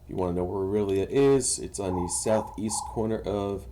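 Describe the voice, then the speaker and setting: A man casually narrating a game walkthrough, explaining each step to viewers in a relaxed, instructive way. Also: deep voice, normal speed, a little hiss or hum. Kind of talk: casual gameplay tutorial narration.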